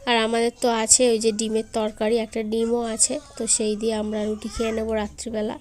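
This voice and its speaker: Chatty mom, slightly high voice. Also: female voice, monotone, fast talker, a little mellow. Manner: coaxing baby talk to a toddler, then chatty to viewers. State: unwell with fever. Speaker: vlogger. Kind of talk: casual home vlog. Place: home, bedroom and kitchen.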